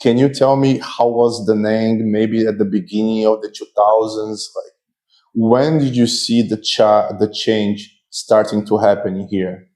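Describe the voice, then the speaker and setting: A man's voice: fairly low pitch, fairly even intonation, unhurried, a little mellow. A man hosting an interview, asking talkative, friendly questions in Portuguese and English. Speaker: host.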